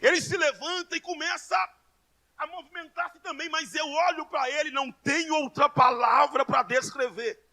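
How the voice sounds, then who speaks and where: A Brazilian man preaching a Pentecostal sermon, telling a story that builds into shouted proclamations and speaking in tongues. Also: very high voice, steady tone, moderate pace. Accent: Brazilian Portuguese. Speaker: pastor.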